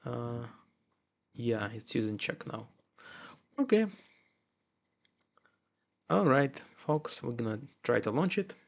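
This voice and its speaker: A man's voice: mid-range voice, very animated, vocal fry. A man with a Russian accent, talking through a live coding session and muttering to himself as he fixes errors. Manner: muttering to himself with halting restarts. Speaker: coding streamer.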